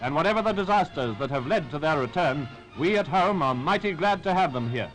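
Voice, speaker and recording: High-pitched 1940s British newsreel man. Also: animated, a little fast, rough recording. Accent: British Received Pronunciation. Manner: rousing, patriotic, formal delivery. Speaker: newsreel narrator. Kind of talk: 1940s newsreel scripted narration. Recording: 1940s newsreel with music behind. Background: music.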